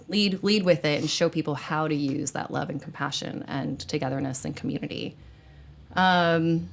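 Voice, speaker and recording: A woman's voice: sits low, gravelly. A woman hosting a casual group discussion, speaking earnestly and acting out the people she quotes. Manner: earnest, animated, acts out quoted speech.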